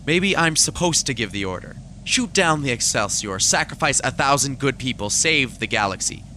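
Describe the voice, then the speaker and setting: In a science fiction audio drama, an actor voices a principled, troubled space fleet admiral, earnest and stern with a touch of weariness, and the mood is troubled yet resolute. His mid-range male voice is animated and sharp in tone at a moderate pace. A little hiss or hum sits under the audio.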